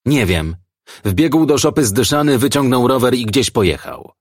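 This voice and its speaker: A crabby old village woman snaps short, rude answers in a raised, strained voice, as a male narrator puts her on. The husky read sits close and dry in an audiobook. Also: mid-range voice, very animated, normal speed, no room sound, voice pushed up. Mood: gruff. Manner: curt, rude, snapping. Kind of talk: audiobook character voice.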